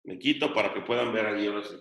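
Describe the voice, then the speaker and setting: A man's voice: fairly low pitch, very fast, vocal fry, a bit bright. A male teacher explaining a grammar point to his class and dictating notes, often repeating phrases. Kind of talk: classroom lesson. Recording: echoey room, voice from a distance.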